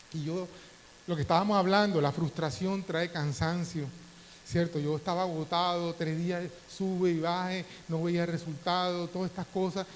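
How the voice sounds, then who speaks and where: A middle-aged man, a pastor from the Dominican Republic, preaching a sermon and telling personal stories with rising emotion. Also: high-pitched. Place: church hall. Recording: faint hiss, long church reverb.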